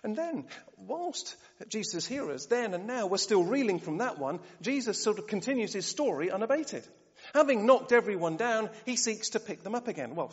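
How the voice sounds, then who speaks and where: A man preaching a sermon, animated and often asking the congregation rhetorical questions. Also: sits high. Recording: dull sound, long church reverb.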